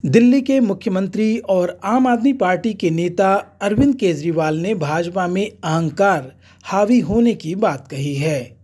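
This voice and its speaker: A news anchor reading a formal political news report in steady, measured Hindi newsreading. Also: mid-range voice, slightly rough. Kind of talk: scripted news narration.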